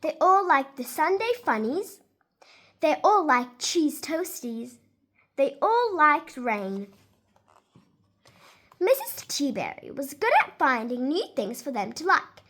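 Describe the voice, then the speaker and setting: With a high voice, a woman gives an expressive, unhurried reading of a children's book meant for small listeners.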